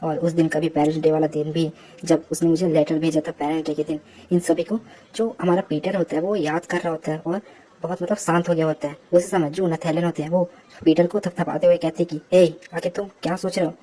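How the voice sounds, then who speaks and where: A woman's voice: low voice, little pitch movement, brisk, warm tone. A woman narrating a comic story recap in a casual, chatty way, with frequent English words and asides.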